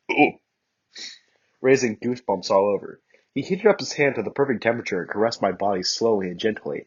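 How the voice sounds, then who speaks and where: A man's voice: on the low side, husky, highs cut off. A man reading fan fiction aloud with dry, sarcastic asides.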